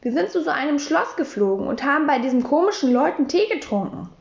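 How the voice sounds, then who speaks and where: A woman doing a loud, excitable young schoolboy in a storybook, high and bouncing all over, boastful and eager. The sound is roomy and a little dull. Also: fast talker, gravelly, full character voice. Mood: insistent. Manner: eager, exclaiming.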